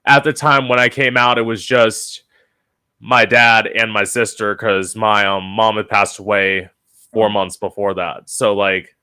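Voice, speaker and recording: A man's voice: on the low side, fairly even intonation, measured pace, bright, forceful tone, clear, resonant tone. A man hosting a podcast, asking questions and sharing his own story. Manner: curious, asks questions, shares own story. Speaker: podcast host. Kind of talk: interview chat.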